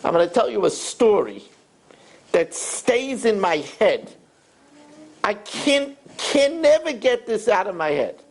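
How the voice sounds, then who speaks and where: An older man, a rabbi, delivers a sermon full of stories and acted-out voices. His voice is gravelly with a husky edge, and his pitch leaps up and down expressively. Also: slow. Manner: animated storyteller who acts out voices.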